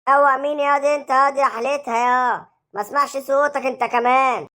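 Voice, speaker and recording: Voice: sits high, steady tone, quick pace, pushed and bright. Menacing mountain outlaw chief, put on by a performer. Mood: defiant. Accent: Egyptian. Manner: menacing and defiant. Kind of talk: comic cartoon acting.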